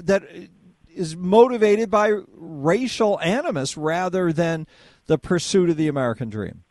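A man's voice: high voice, expressive, a little slow, darkish tone, no echo. A male radio host on a call-in show, leading the caller along with pointed questions. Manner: probing, leads the caller with questions. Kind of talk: call-in talk radio debate.

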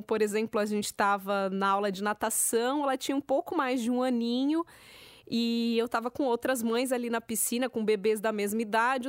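A woman's voice: fairly high pitch, no echo, clean studio sound. A woman hosting a podcast, telling a personal story in a chatty, casual way. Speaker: podcast host. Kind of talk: casual conversation.

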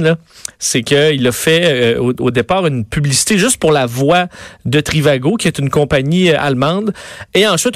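A male radio columnist with a Quebec French accent recounts offbeat news in a relaxed, chatty way. He pauses often on fillers as he talks. His voice is slightly high and sounds close and dry. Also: dry recording. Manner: chatty storytelling, many fillers. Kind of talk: casual radio chat.

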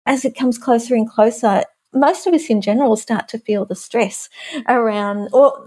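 Mellow, husky woman. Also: a little high. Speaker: clinical expert guest. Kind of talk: explanatory interview talk.

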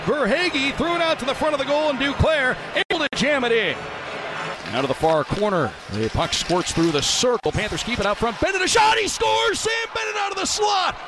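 Guy doing fast hockey play-by-play, really high excited voice, noisy arena behind him. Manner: rapid-fire calls rising to shouted goal calls. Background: loud arena noise.

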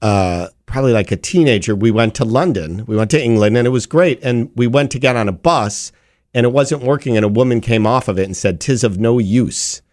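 A man co-hosting a casual chat show who reacts with quick, animated asides. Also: mid-range voice, no echo, clean studio sound. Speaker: co-host.

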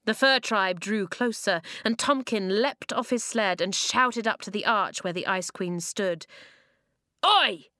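A woman narrating a children's storybook in an expressive way, slowing down for dramatic moments, on a close studio mic. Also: mid-range voice, dry recording. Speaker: audiobook narrator. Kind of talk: storybook reading.

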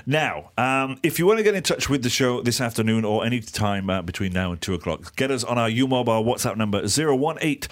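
A man's voice: medium pitch, animated, fast, hardly any pauses. A man hosting a talk radio show in a chatty, informal, joking way. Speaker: radio host. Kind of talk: casual talk radio presenting. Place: radio studio.

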